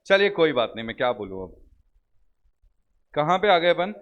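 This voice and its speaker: A man teaching law to a live class, joking with students and slowly drawing out the wording of legal text. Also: on the high side, very animated, dull audio. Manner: playful, joking with students, drawls words slowly when reading. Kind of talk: classroom lecture, Hindi mixed with English. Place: recorded classroom studio.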